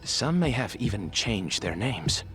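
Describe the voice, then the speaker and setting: In a dramatic game cutscene dub, an actor voices a polite, studious male assistant to an investigator, who phrases things formally and precisely. The voice sits on the low side and is a bit bright, very animated yet at a measured pace, polite and earnest in mood, with faint music behind.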